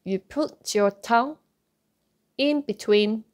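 A woman's voice: on the high side, slow pace, a little mellow. A woman teaching an online language lesson, patiently repeating sounds for practice. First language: Cantonese. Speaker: Cantonese teacher.

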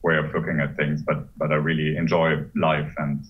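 A man in his forties from Germany, speaking in a measured, thoughtful way with many pauses as a guest on a video-call interview. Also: rumbling low, monotone. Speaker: pharma executive guest. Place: home room with high ceiling. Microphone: laptop webcam mic on a video call. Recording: muffled, distant video-call audio.

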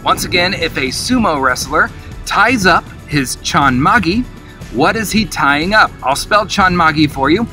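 An upbeat middle-aged man hosts a trivia quiz in the manner of a cruise director. His voice is bright and fairly high for a man, with some music in the recording. He addresses the viewers casually and encouragingly. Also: lively intonation, a little slow. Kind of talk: casual quiz hosting to camera. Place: outdoors in an open park.

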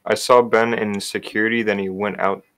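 A young man in a casual gaming voice chat, answering questions in a calm, low-key, slightly defensive way. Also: normal speed, clean tone, no echo. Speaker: gamer.

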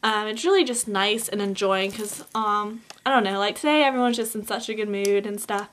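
A woman's voice: medium pitch, steady tone, a little fast, fairly bright tone, slight background noise. A teenage girl talking casually on a home vlog, upbeat and chatty with lots of fillers, recorded on a camcorder mic. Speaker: vlogger. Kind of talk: casual holiday haul vlog. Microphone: camcorder built-in mic.

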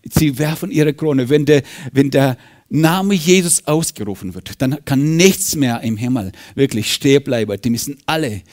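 A man preaching a sermon as pastor of a church, fervent, swinging from loud rises to hushed drops. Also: mid-range voice, normal speed. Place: church service.

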